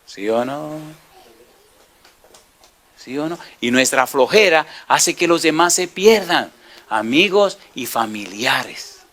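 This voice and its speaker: Animated Spanish-speaking pastor preaching. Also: male voice, on the high side, slow pace, long pauses. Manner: animated storyteller, acts out dialogue, asks rhetorical questions. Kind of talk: sermon with anecdotes.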